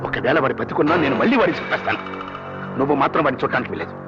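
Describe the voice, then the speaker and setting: A man's voice: medium pitch, expressive, very fast, lightly acted. An actor playing a rich, scheming villain who mocks others and drops English words into his speech, heard as dull film audio over a music score. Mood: mocking. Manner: mocking, sprinkles English words.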